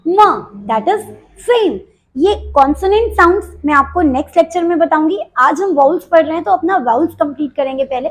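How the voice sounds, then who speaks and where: Her voice is very high and lively as this woman English teacher moves slowly through a pronunciation lesson. She repeats words for drilling, explains step by step, and talks straight to her students in a blend of Hindi and English.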